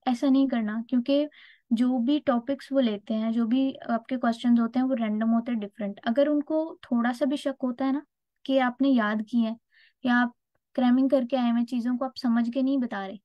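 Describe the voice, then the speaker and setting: A woman's voice: on the high side, steady tone, normal speed, no echo. A woman teaching a test-prep lesson, explaining step by step and often checking in with her students. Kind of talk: online lecture. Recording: dull lo-fi dry recording.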